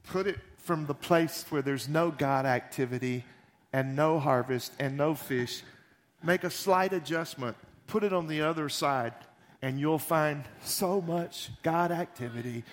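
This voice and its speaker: A man preaching, voicing a calm, patient teacher who gives gentle instructions. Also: a little high, unhurried, close to an everyday voice. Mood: instructive.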